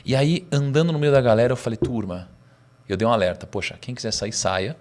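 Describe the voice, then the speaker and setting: On a podcast, a male guest with a Brazilian Portuguese accent tells a story from his own life in relaxed conversation. He speaks at medium pitch and a little quickly, full of energy, dropping slang and laughing in bursts.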